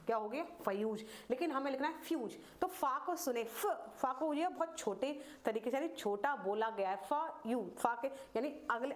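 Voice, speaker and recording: Female tutor, higher register, explains spelling step by step with repeated words and rhetorical questions. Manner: slow, repeats words and asks questions to the viewer. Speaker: Hindi teacher. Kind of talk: classroom-style grammar lesson.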